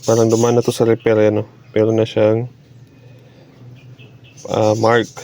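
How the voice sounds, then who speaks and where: A technician from the Philippines demonstrates a fix, casually narrating in Tagalog sprinkled with English technical jargon and pausing haltingly as he works. He has a lowish, dark voice with vocal fry. The sound is dull and lo-fi, with faint noise behind it.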